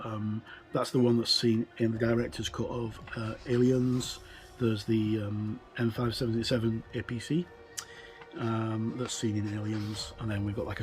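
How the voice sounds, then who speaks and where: A middle-aged man with a medium-pitched, somewhat dark voice talks casually through a book like a game reviewer. He sounds hesitant and halting and keeps correcting himself.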